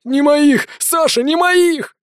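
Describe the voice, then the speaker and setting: Guy putting on a squeaky crying kid, begging and sobbing, super dry close sound. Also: lively intonation, slow, a little mellow, no room sound, heavily acted. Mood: pleading. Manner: pleading, tearful, high-pitched. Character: boy nicknamed Rat, sobbing, begging for help.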